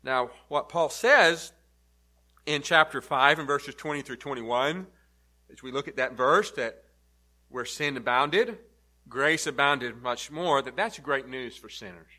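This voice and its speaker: A man preaching a sermon, emphatic and building to forceful repeated stresses. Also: mid-range voice, unhurried.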